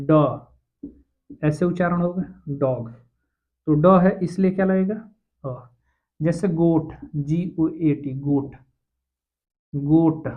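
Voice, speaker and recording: A man teaching an English grammar lesson, explaining slowly and asking rhetorical questions. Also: a little high. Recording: tinny phone-like sound.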